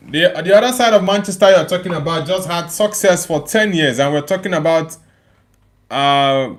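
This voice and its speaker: Here a young Nigerian man runs a live football watchalong, his slightly high voice a bit bright. He responds to the action and reads out comments from viewers, chatting casually and repeating phrases.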